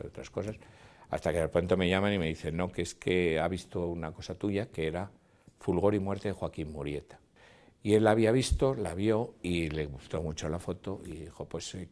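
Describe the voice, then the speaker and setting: Older man with a very deep voice. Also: fairly quick. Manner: animated storyteller acting out dialogue and sounds. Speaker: cinematographer. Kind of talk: interview reminiscence.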